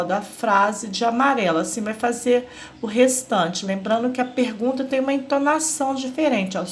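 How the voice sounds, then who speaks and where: A woman's voice: on the high side, slight background noise. A Brazilian woman teacher with a patient manner, explaining a workbook lesson to children and checking in often. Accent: Brazilian Portuguese.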